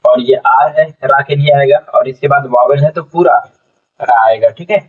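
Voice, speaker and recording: Guy teaching phonics in class, spells out every sound slow, kinda far off and muffled. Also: mid-range voice. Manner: slow, spells out syllables, repeats questions to students. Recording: dull lo-fi sound from a distant mic.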